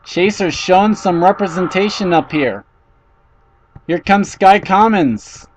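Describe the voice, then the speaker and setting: A man giving excitable play-by-play commentary on a race, his voice jumping high and loud whenever cars tangle. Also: unhurried, slight background noise, low-quality recording.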